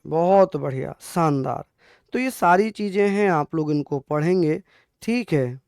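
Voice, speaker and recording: A man's voice: high-pitched, clean tone, dry recording. Man, teacher, exam-prep lecture, resonant voice, repetitive, dry close recording. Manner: repetitive, addresses students as bhaiya; asks questions and answers them himself.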